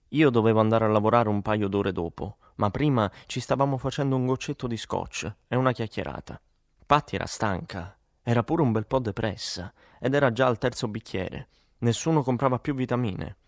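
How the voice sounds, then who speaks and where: A man reading a first-person literary story in a measured, matter-of-fact audiobook narration. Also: on the low side, no echo, clean studio sound.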